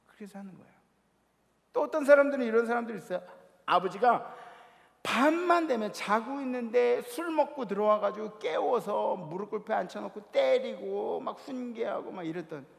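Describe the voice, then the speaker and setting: Animated high-voiced male preacher in a reverberant church. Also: moderate pace, gravelly. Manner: animated storytelling, acting out shouted quotes. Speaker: youth worship preacher. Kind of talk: sermon. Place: church sanctuary. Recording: long hall reverb of a church.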